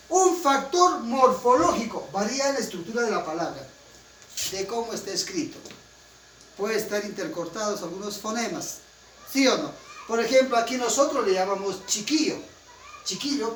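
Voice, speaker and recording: He has a high, slightly bright voice and a Huancayo-flavored Peruvian Spanish accent, and he is delivering a lecture to a class. Emphatic in manner, he repeatedly asks students for confirmation. Faint room noise comes through on a roomy, distant recording.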